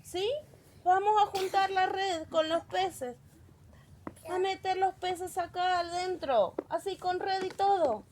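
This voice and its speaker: A woman with an Argentine accent telling a Bible story to children, slow, animated and playful. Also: very high voice, a little hiss or hum. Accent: Argentine Spanish.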